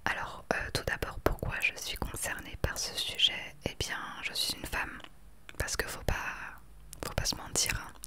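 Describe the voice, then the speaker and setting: A woman in her late twenties talking earnestly and with conviction in a soft whispered ASMR chat into a desktop microphone. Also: a little slow. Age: 20s. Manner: earnest, opinionated. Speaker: ASMR creator. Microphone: desktop USB microphone.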